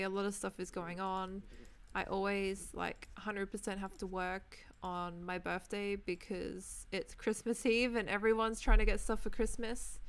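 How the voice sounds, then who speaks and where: A young Australian woman in her twenties talks casually with her viewers as she plays, rambling from topic to topic. Her voice has a gravelly fry at the ends of phrases, yet stays smooth and clear. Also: mid-range voice, a bit bright. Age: 20s. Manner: chatty, rambling, answers viewers' comments. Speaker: Minecraft streamer. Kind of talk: casual chat while gaming.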